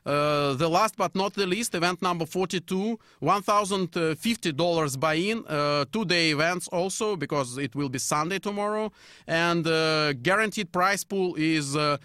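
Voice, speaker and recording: A man with a Russian accent co-hosting poker radio, speaking English with frequent ums and pauses. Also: on the high side, sharp tone, no echo, studio quality. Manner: hesitant, many filler pauses. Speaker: radio co-host. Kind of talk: casual poker radio chat.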